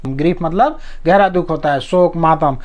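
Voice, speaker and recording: A man teaching English reading in Hindi, reading each sentence slowly word by word and patiently explaining every word's meaning. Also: fairly high pitch. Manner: patient, repeats meanings and asks "na?" to check understanding.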